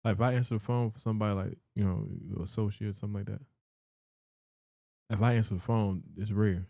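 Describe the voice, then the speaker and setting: A man's voice: on the low side, steady tone, quick pace, gravelly, mellow, no room sound. Slangy man on a dry podcast mic. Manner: slangy, laughing, anecdotal. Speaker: podcast co-host. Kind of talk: casual podcast chat.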